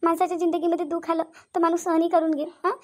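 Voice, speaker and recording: Heartbroken cartoon wife; very high, fast, tearful pleading. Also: female voice, level tone. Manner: tearful, pleading, repeats herself. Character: grieving young wife and mother. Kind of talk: Marathi cartoon voice acting.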